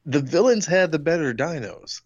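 An excitable man co-hosting a podcast, with a bouncy, lively pitch. He banters and laughs easily, recorded dry and close with no room sound. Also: normal speed, slightly rough, no echo, muffled recording. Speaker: podcast co-host. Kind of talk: casual chat.

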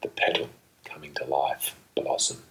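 A man with a deep voice talks to himself as a podcast host, thinking aloud in a loose and playful way. His phrasing is slangy and wandering. The sound is roomy, picked up by a laptop's built-in microphone rather than a proper studio one. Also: moderate pace. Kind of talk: rambling, playful solo monologue. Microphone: built-in laptop microphone, mistakenly used instead of studio microphone.

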